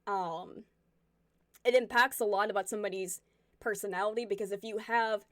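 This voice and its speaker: A woman's voice: medium pitch, steady tone, normal speed, no echo, studio quality. A woman in her twenties chatting casually with her stream viewers, candid and rambling as she reflects and reacts to comments. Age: 20s.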